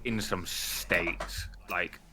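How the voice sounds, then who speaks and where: Male stream host, fairly low voice with a sharp edge, blunt and sweary, casual banter. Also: steady tone, very slow.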